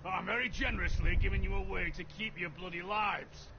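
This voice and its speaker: An actor playing a smug, menacing enemy lord in a fantasy game, taunting with mock generosity. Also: male voice, high-pitched, a little fast. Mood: gloating. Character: smug, menacing enemy lord gloating over a beaten house. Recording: muffled, with clear background noise.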